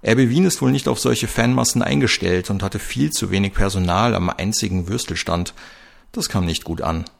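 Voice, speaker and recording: Uneasy, evasive male coach in a storybook crime tale, read by a man, low and gravelly. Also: normal speed. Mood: defensive.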